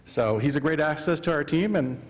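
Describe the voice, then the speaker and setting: Parks manager guy introducing the new hire, kinda high voice, lots of uh's and um's. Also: lively intonation. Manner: halting, many fillers. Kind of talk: formal introduction at a council meeting.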